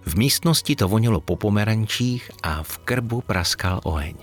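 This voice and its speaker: A man narrating a storybook with gentle, expressive reading. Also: fairly low pitch, soft background music.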